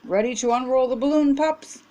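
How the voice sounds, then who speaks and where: A woman's voice: a little high, animated, moderate pace. An older woman reading aloud, voicing a brave, upbeat boy who leads a team of rescue pups in a storybook. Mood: eager. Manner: eager, encouraging.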